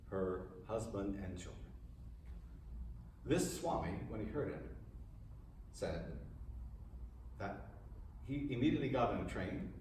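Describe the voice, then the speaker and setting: In a large room before a live audience, a male priest delivers an informal, conversational lecture to a parish group, quizzing the room with questions. His voice is fairly low and darkish, picked up by a distant mic with heavy echo and a faint hiss.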